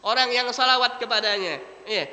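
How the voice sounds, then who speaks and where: A man gives a storytelling sermon in a high, sharply bright voice. His words ring through a large echoing mosque hall with a long reverb tail. A faint hum of the room sits behind him. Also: a little fast. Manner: storytelling, animated, acting out quoted dialogue. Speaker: preacher.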